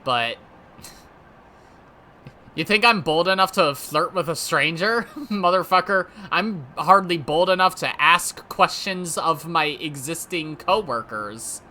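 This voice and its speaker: A man's voice: on the high side, animated, takes it slowly, pushed and bright, a little hiss or hum. A young man rambling through casual, self-mocking, profanity-laced commentary while playing a game at home. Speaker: let's play gamer.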